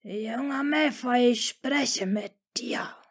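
A woman voicing a cold, menacing male dark lord in a hissing, icy whisper, as whispered role-play in a fan-fiction reading. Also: a little high, slow pace, slightly rough, voice pushed up, exaggerated voice.

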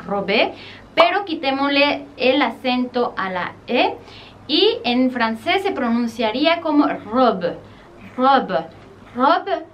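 Playful high-voiced Mexican woman teaching French. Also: big pitch swings, slow pace, highs cut off, slight background noise. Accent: Mexican Spanish. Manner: playful, explains words then acts out French example phrases. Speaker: language teacher vlogger. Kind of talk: casual language lesson. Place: apartment without air conditioning.

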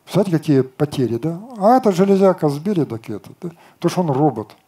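Older man with a dark, mellow voice. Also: fairly high pitch, very animated, fast, breathy edge. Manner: confident, lecturing, rhetorical questions, brushes off objections. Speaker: company chief designer answering questions. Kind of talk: outdoor stage talk and Q&A. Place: outdoor festival stage.

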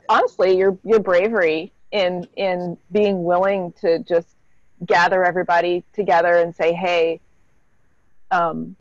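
Low-voiced woman hosting an online town hall. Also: dull audio. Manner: earnest, with some halting restarts. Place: small indoor room. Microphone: webcam on a video call.

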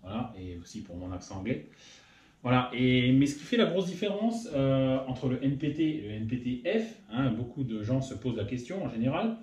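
A man hosting his own workshop channel, explaining machining in a casual technical tutorial, often pausing with fillers. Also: medium pitch, animated, darkish tone. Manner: hesitant, many filler pauses. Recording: roomy echo.

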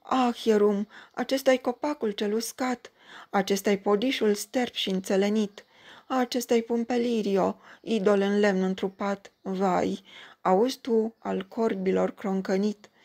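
A woman reading a fairy tale aloud, voicing a frightened young wife who pleads slowly for mercy. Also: mid-range voice, steady tone, darkish tone, close to an everyday voice. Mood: pleading.

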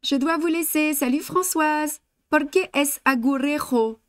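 A woman hosts a live stream as an embroidery teacher, demonstrating her craft while switching languages. She's slow and patient, giving step-by-step instructions with lots of fillers, and chats freely, greeting viewers and answering their comments. Her voice sits high, with no echo and studio-quality sound.

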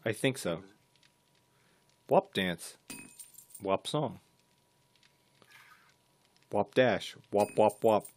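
A man's voice: fairly low pitch, very slow, long pauses, a little mellow. A man streaming a co-op game, chatting casually and reading facts aloud in a dry, matter-of-fact way. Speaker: gaming streamer. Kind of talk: casual co-op gaming chat.

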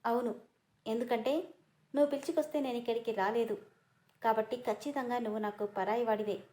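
A woman's voice: fairly high pitch, fairly even intonation, a little fast, warm tone, lightly acted. A woman reading a story aloud, voicing a proud, hurt young woman who answers back defiantly and through tears. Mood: tearful defiance. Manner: defiant, tearful.

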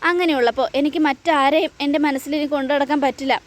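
A woman reading the lines of a jealous young fiancée, teasing and probing, in a high voice. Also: fast talker, lightly acted. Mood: needling.

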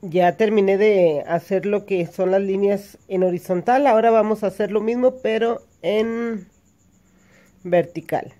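A woman's voice: mid-range voice, fairly even intonation, moderate pace, hardly any pauses, dark tone. A woman giving a patient step-by-step hand embroidery lesson, explaining each stitch as she works. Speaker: embroidery teacher.

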